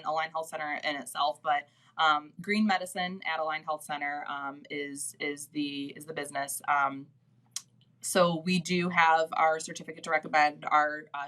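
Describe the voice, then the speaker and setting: A woman's voice: low-pitched, sharp tone. A woman talking as a guest in a casual business interview, chatty and filled with "like" and "you know".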